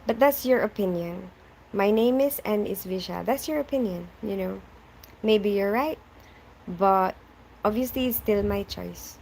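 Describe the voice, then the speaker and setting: Through a home mic, a young woman who grew up in the Philippines runs a casual live stream, chattily greeting viewers by name, answering comments and laughing frequently. Her middle-pitched voice is a little mellow with vocal fry at a measured pace, in a low-quality recording with faint background noise.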